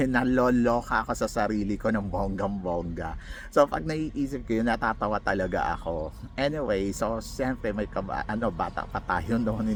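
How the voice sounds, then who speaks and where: A man casually telling a personal story as a vlogger, animated and laughing often as he acts out what others said. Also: lowish voice, a little hiss or hum.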